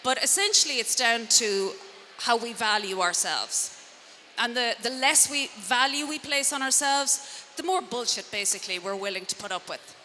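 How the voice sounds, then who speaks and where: A woman's voice: fairly high pitch, expressive, normal speed, pushed and bright. A middle-aged woman with a west of Ireland accent gives a conversational motivational talk to a live audience, using rhetorical questions and wry asides about herself. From Connemara, Galway, west of Ireland. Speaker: transformative coach and speaker. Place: indoor event room before an audience. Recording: reverberant hall, clear background noise.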